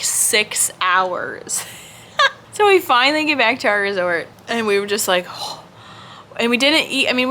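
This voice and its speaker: A chatty young woman vlogger recounts a trip straight into her self-facing camera, rambling loosely and scattering "like" and little laughs through her talk. Her voice is bright and clear, sitting at an ordinary pitch for a woman. A faint hiss of noise lies under it. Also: low-quality recording. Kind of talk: casual storytelling vlog.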